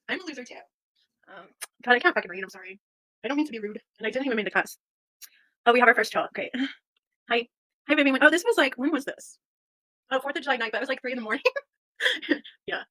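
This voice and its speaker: A woman's voice: high voice, sharp tone, no echo, rough recording. A woman livestreaming a casual monologue in Valley girl talk, peppered with "like" and swearing. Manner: Valley girl talk, filler "like" and slangy drawl. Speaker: livestream host.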